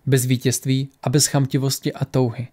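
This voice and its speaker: A man's voice: mid-range voice, flat delivery, mellow, close to an everyday voice. A man reading a young resolute princess. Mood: earnest. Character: young princess, determined but fearful.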